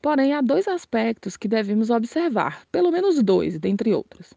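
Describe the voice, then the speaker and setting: Brief: female language teacher, warm dark tone, dry close sound, friendly and clear. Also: a little high, big pitch swings, no room sound, dull audio. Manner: slow, careful model pronunciations; friendly, addresses viewers directly. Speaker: Spanish teacher. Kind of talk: casual video lesson.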